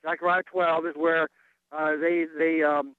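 A man calls in to a radio program, his voice squeezed through a narrow, tinny phone line. He sits a little higher than most men in pitch. He talks haltingly and stops often to search for his words, and the call sounds dry with no room around it. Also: little pitch movement, smooth, no echo. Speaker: radio show caller. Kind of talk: call-in question to a Bible talk show. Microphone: telephone.

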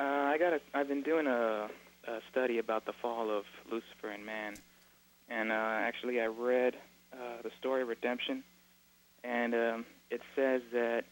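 A man calling in over the phone, halting and searching for words as he asks about a Bible study. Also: mid-range voice. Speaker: caller. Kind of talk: caller asking a Bible question. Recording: muffled phone line.

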